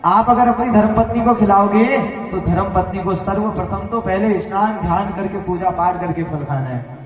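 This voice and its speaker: A stern, calm holy man, as a woman storyteller puts him on gives rules in a measured, instructive tone. The voice is dull and roomy, heard from far off in a reverberant hall. Music plays clearly behind. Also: mid-range voice, natural voice. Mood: instructing.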